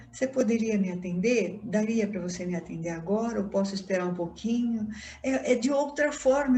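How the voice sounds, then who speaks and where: A middle-aged woman giving an online Spiritist lecture as a guest speaker, calm and reflective, gently explaining. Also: medium pitch. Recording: echoey room.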